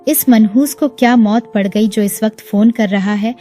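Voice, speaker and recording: A woman's voice: medium pitch, steady tone, moderate pace, dark tone, natural voice. A woman storyteller voicing a selfish young wife who speaks rudely and scornfully. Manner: rude, scornful. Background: faint music.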